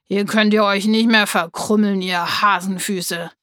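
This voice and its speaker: A woman's voice: mid-range voice, fairly even intonation, unhurried, a bit bright, dry recording, studio quality, natural voice. A woman doing a sneering schoolboy bully. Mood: taunting. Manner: taunting, sneering.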